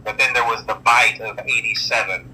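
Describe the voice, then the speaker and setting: A man's voice: on the low side, steady tone, normal speed, sharp tone, husky, full character voice, low-quality recording. An actor playing a chatty male night-shift trainer who leaves a recorded phone message, rambling offhandedly with plenty of uh and um. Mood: offhand. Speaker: recorded guide in a horror game.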